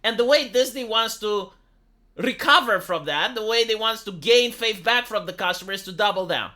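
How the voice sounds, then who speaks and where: At a moderate pace, a Romanian man with a high, pushed, bright voice rants casually as a YouTube commentator and streamer. His Romanian-accented commentary is opinionated, exasperated and sarcastic, full of rhetorical tag questions.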